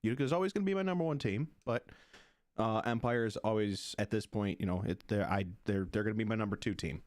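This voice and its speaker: A man's voice: fairly low pitch, fast, darkish tone, no room sound, studio quality. A man co-hosting a sports podcast, chatting casually with restarts and playful groans. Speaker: podcast co-host.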